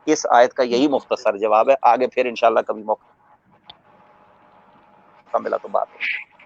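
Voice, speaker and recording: A man giving a religious talk as a scholar, preaching in a measured way, quoting Arabic verses and explaining them with everyday examples. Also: mid-range voice, fairly even intonation, creaky. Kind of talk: religious talk on a radio broadcast. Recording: muffled radio broadcast audio.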